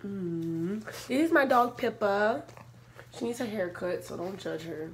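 A woman's voice: mid-range voice, lively intonation, unhurried. A young woman hosting her vlog in a casual, conversational way. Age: young adult. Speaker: vlogger, channel host. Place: small office-like room, indoors. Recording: faint room noise, casual camera audio.

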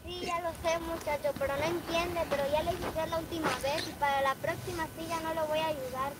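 A woman's voice: very high voice, fairly even intonation, a little fast, heavy background noise. A young woman vlogger talking in a firm, scolding, exasperated way. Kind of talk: casual vlog chat.

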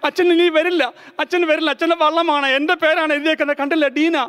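A man's voice: very high-pitched, level tone, fast talker, fairly bright tone, voice pushed up. A man voicing a grieving ten-year-old girl whose fisherman father has not come back, pleading and tearful. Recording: reverberant hall.

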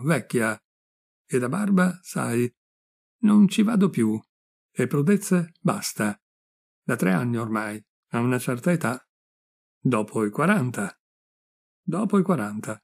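Man doing a grumpy tired bachelor pushing fifty, sighing, a bit gravelly. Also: medium pitch. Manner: grumbling, resigned, prickly. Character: weary, touchy bachelor near fifty. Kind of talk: audiobook reading.

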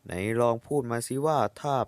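A man voicing a gentle, doting, middle-aged father who speaks softly and politely in a manga comic voice-over dub. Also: brisk, dry recording, lightly acted. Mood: soothing. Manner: soft, soothing, polite.

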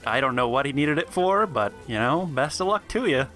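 A young man chatting casually while playing an online game, laughing often and filling pauses with um and uh. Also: a little high, animated, pushed and bright, soft background music. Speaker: gameplay video host. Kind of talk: casual gaming commentary.

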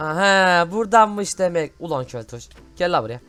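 Excitable gaming host, lively high voice. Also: male voice, moderate pace, soft background music. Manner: excitable, loud exclamations. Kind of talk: excited gameplay commentary.

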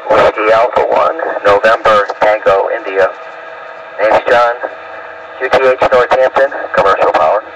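A man's voice: lowish voice, fairly even intonation, normal speed, vocal fry, dull audio. A man checking in on a ham radio net with a clipped phonetic call sign, heard over a static-filled two-way radio. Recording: distant radio with loud static.

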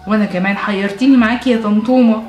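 A woman's voice: medium pitch, fairly even intonation, very fast, a little mellow, echoey room, faint music behind. A woman with an Egyptian Arabic accent playing a mother who scolds firmly but tenderly in a scripted family sketch.

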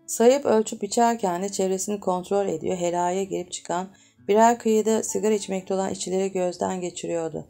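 Low gravelly woman narrating a novel. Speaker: audiobook narrator. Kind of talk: novel reading. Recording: soft guitar music behind. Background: soft guitar music.

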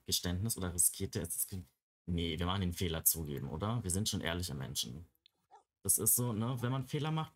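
A young man giving casual gameplay commentary in a chatty way, often cooing baby talk at the game characters. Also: lowish voice. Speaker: Let's Play gamer.

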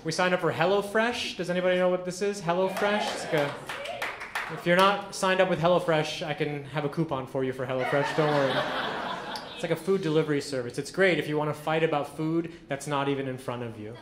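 A man performing a stand-up comedy set on a club stage, telling stories in a deadpan way and acting out quoted dialogue. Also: fairly high pitch, fairly quick. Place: comedy club stage before a live audience. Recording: roomy club with audience noise.

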